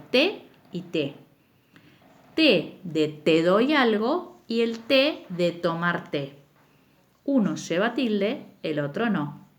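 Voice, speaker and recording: Lively, patient woman teacher. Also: medium pitch. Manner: slow, emphatic spelling-out of words for children. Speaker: primary school teacher. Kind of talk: recorded remote lesson, explaining exercises.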